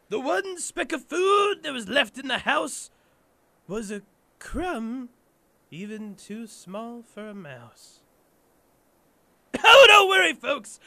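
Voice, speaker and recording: A gleefully cruel clown villain, pitched extremely high and swinging wildly. He taunts theatrically in a gravelly creak, like a showman in a radio play. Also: sharp tone, dry recording, heavily acted. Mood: mock cheerful. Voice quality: shrill, gravelly. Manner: theatrical, sing-song taunting, drawn-out. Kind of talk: fan radio drama acting.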